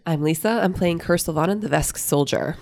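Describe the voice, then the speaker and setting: A woman's voice: lowish voice, a little fast, a little mellow. A woman with a head cold and stuffy nose, chatting casually as a player on a tabletop game podcast.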